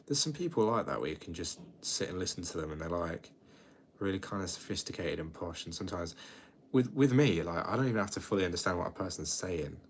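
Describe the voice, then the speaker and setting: A twenty-year-old British man with a low, deep voice talks to his livestream in a relaxed, rambling way, often restarting his sentences. Faint background noise sits under his voice. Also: fast talker. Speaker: livestream host. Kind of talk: casual late-night livestream chat.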